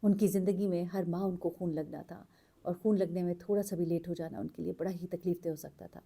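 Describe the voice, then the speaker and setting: A woman narrating a true story in an earnest, unhurried way, pausing with fillers as she goes. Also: fairly low pitch, fairly even intonation, creaky, dark tone, husky. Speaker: storyteller host.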